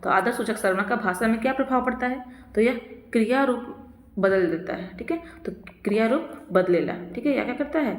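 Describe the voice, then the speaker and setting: A woman's voice: on the high side, animated. Tutor woman with an echoey sound. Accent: Jharkhand. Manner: reads questions slowly, answers them herself with frequent "theek hai". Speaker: exam tutor. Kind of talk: online exam-prep lesson. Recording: echoey roomy reverb.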